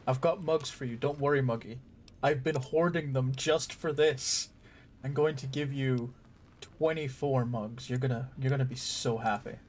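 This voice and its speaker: A man's voice: medium pitch, normal speed, a little mellow, slight background noise. A man giving casual gameplay commentary, chatty, laughing often and swearing freely. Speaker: gaming streamer.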